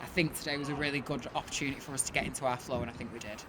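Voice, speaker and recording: A woman who manages and coaches a football team gives an informal, chatty, emphatic post-match interview outdoors, with clear wind noise in the recording. Her bass voice is fairly even in intonation and rapid-fire.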